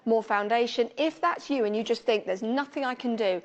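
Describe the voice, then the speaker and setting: A woman's voice: on the high side, a little fast. A woman presenting a product as an expert in home shopping host style, earnest and persuasive. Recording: slightly dull, reverberant studio sound.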